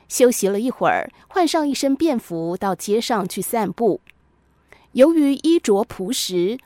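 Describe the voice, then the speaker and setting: A woman narrating a moral story in a measured, scripted storytelling style. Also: medium pitch, no echo.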